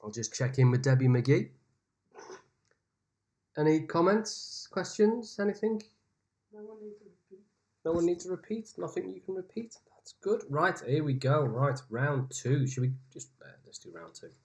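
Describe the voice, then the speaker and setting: A man's voice: fairly high pitch, big pitch swings, moderate pace, darkish tone. A man hosting an online pub quiz over a video call, reading each question twice with chatty asides. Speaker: quiz host.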